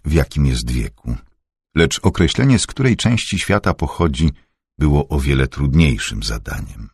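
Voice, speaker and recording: Man reading an audiobook, super low voice, kinda husky, steady and measured, dry close sound. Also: no room sound. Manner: measured, even storytelling. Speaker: audiobook narrator. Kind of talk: scripted audiobook narration.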